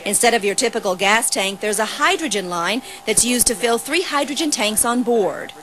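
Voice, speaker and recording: A woman's voice: a little high, normal speed. Woman reporter narrating a news feature. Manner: even, polished reporter delivery. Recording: voice-over with music bed.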